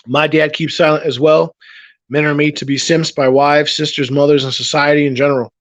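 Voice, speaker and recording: A man hosts a casual late-night livestream, reading out chat messages while rambling, repeating himself and restarting sentences. His voice is a little high and level in tone, fairly quick, and getting worn after a long session, with no room sound in the recording.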